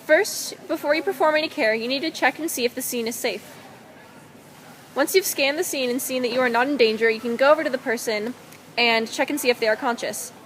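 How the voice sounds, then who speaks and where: A woman's voice: high voice, fairly quick, a bit bright, a little hiss or hum, low-quality recording. Young woman narrating a first-aid demo. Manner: reads steadily with some fillers. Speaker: student presenter. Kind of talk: scripted instructional narration.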